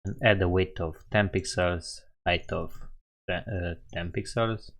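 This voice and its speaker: This live coding host has a Romanian accent and a low, creaky voice, speaking unhurriedly with fairly even intonation. He narrates casually, musing aloud and correcting himself while typing.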